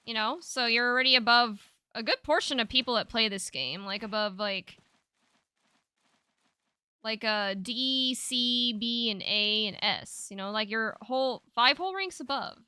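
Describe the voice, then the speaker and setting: A woman's voice: fairly high pitch, measured pace, sharp tone, clean tone, no echo. A woman streaming a fighting game, chatting casually and reading chat aloud with a laid-back, rambling manner full of fillers.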